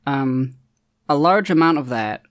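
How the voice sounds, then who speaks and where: A man's voice: medium pitch, lively intonation, a little slow, clean tone. Rambling man narrating his gameplay. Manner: rambling, hesitant, many ums and restarts. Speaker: gaming video creator. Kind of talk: casual gameplay commentary.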